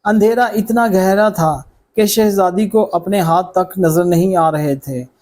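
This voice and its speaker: A man with a high, somewhat dark voice narrates a scripted story slowly, in a measured, dramatic way. Clear background music plays beneath his voice, and the audio quality is poor.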